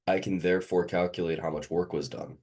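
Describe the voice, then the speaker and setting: Sniffly man tutoring with a low voice. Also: fairly even intonation, fairly quick, a little mellow. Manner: hesitant, many ums, quizzing the student. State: sick and sniffly. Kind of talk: one-on-one tutoring session.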